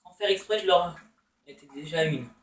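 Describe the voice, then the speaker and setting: A man's voice: a little high, moderate pace, reverberant, far from the mic, rough recording. A man giving casual, playful let's-play commentary, teasing opponents with taunts and exclamations. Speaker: gamer.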